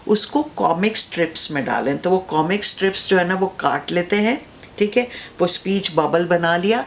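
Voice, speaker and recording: A woman's voice: deep voice, creaky, a little hiss or hum. A woman teacher giving an explanatory talk to other teachers, often checking in with her listeners and mixing English phrases into her speech.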